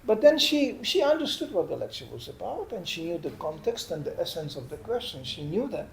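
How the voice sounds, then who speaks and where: Older guy preaching, tells stories, kinda high voice, echoey room. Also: brisk, gravelly. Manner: lively anecdotal telling with "you know" asides. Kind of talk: storytelling sermon. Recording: echoey room, faint background noise.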